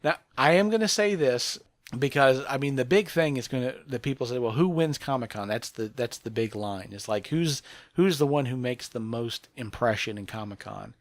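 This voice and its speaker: A man's voice: mid-range voice, lively intonation, normal speed, no room sound. A man co-hosting a podcast, chatting enthusiastically and rambling about geek news. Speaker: podcast co-host.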